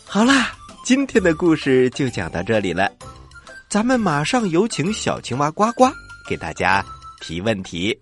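Male host for a kids' story programme: dramatic, extremely animated narration with soft music underneath. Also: a little high, normal speed. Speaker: children's storyteller and show host. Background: faint music.

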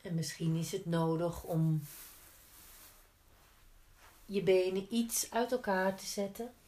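A woman teaching yin yoga, guiding gently step by step with unhurried pauses between instructions. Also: on the low side. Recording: roomy, echoing indoor sound.

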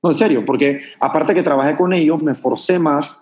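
This guest, a Panamanian actor and voice coach, talks casually and animatedly about voice technique, showing off sounds as he goes. He has a Panamanian Spanish accent and a darkish voice on the high side, speaking a little fast.

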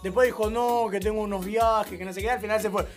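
Argentine man, Rioplatense accent, high-pitched, lively storyteller, laughs often, casual radio chat, faint music behind. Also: quick pace. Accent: Argentine Rioplatense Spanish. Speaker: radio show co-host.

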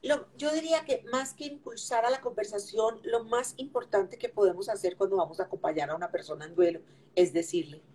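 A woman speaking as a grief counselor in an interview, at an ordinary middle pitch. She talks earnestly and keeps restating her point in short repeated phrases. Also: a little fast, warm tone, slightly rough. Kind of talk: explanatory interview talk.

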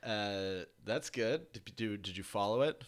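A man's voice: fairly low pitch, unhurried. A man in casual chat, playful and teasing, with dry quips.

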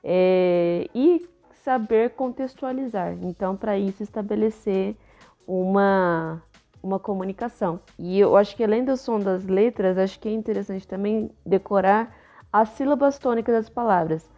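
A woman's voice: mid-range voice, normal speed, mellow, soft background music. Lady teacher on a podcast, explains stuff patiently, kinda muffled lo-fi sound. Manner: explanatory, teacherly, tags with frequent "né?". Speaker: podcast co-host, English teacher. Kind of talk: casual podcast chat.

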